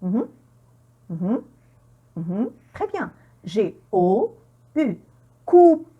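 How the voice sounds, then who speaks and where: A woman teaching pronunciation in an online lesson, repeating words slowly and quizzing the viewer with encouraging checks. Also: medium pitch, wildly swooping pitch, mellow, slightly rough, muffled recording. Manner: encouraging, with frequent "hein?" checks.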